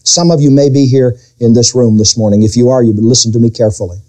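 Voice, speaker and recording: A man's voice: fast talker, mellow. A middle-aged male pastor preaching a sermon, swinging his voice up and down and drawing out key words. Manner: preaching with sudden pitch swings and quoted voices.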